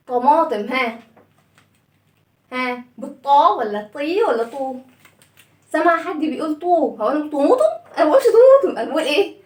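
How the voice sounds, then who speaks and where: High-voiced Egyptian woman teaching children phonics. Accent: Egyptian Arabic. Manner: animated, drawn-out syllables and repeated words. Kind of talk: phonics lesson for young children. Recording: echoey room.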